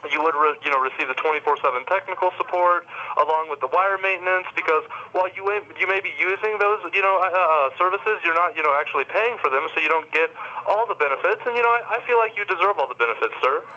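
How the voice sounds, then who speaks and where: A man selling cable over a dull, muffled phone line, speaking fast in a high, bright voice. He is polite and stumbles over his words, repeating sir throughout. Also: slight background noise. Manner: polite, stammering, keeps saying sir. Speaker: cable sales rep. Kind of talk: sales phone call.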